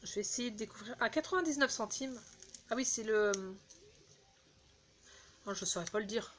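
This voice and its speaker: A woman casually chatting through a beauty haul, halting with fillers and restarts, recorded on a phone indoors. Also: a little high, slight background noise. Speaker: beauty vlogger.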